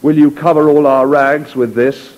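A man voicing a bitter male sergeant who leads a mutiny and speaks quietly and steadily, read aloud in an echoey hall. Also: fairly high pitch, fairly even intonation, normal speed, natural voice. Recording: echoey hall, dull lo-fi recording.

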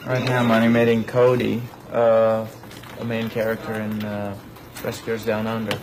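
Low male voice, flat delivery, animator, explanatory interview, background noise. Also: normal speed. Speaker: character animator. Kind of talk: informal documentary interview.

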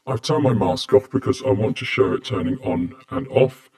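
A man's voice: medium pitch, moderate pace, vocal fry, a little mellow. A man casually reviewing a gadget, speaking through a face mask in a plain, matter-of-fact way. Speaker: product reviewer.

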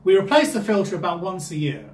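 A man hosts his own explainer channel in a high, lively voice that swoops up and down. He talks upbeat and emphatic, reading a scripted narration, and the recording has a roomy echo. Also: fast. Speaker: channel host.

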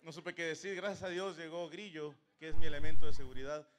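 A man's voice: a little high, steady tone, fast talker, a bit bright. A man with a Mexican accent, a streamer telling a crude, joking story on a live stream. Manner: crude, joking anecdote-teller. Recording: noisy stream audio.

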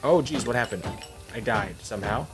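A woman's voice: very deep voice, lively intonation, a little fast. A woman chatting casually and playfully while gaming, exclaiming and repeating short phrases. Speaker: parent playing co-op game with child. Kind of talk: casual playful gameplay chat. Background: game music.

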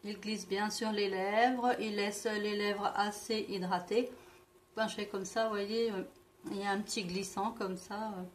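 A woman talks slowly through her makeup purchases, pausing often and filling gaps with hesitations. Her pitch sits in the middle of the range, and a faint background noise hangs under the recording. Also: flat delivery. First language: not English. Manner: slow, hesitant, many fillers. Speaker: beauty vlogger. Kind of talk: casual product review.

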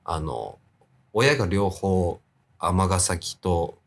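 A man's voice: sits low, lively intonation, very slow, gravelly. A young man talking casually as an interview guest, laid-back and hesitant, thinking aloud as he goes. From Japan.

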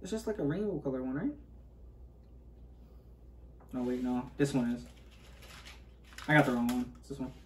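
A man with a mid-range, lively voice speaks at normal speed with long pauses while hosting a food challenge, trading competitive banter with a friend over gross jelly beans. They sit at a table in a small room indoors. The camera, a few feet off, records roomy echo and faint background noise.

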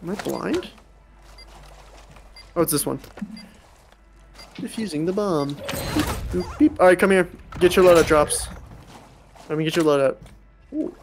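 A man in casual gaming chat with friends, directing the squad with quick calls over a headset. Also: a little high, vocal fry, soft background music. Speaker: streamer playing with friends.

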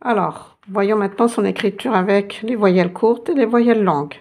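A woman teaching an online language lesson, slow and patient, often repeating sounds for her students. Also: mid-range voice, a little mellow. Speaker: Arabic teacher.

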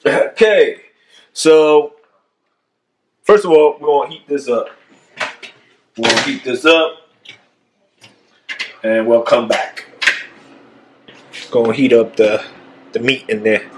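Cooking at home, a vlogger in his thirties films himself from arm's length and chats with a joking tone. He speaks slowly in a mid-range voice with frequent pauses, over slight background noise on a low-quality recording.

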